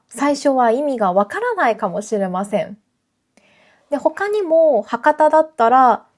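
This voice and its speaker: A woman teaching her language on a relaxed podcast, explaining points clearly and in a friendly way while glancing at her notes. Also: on the high side. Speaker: Japanese teacher. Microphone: camera framing, reading notes beside it.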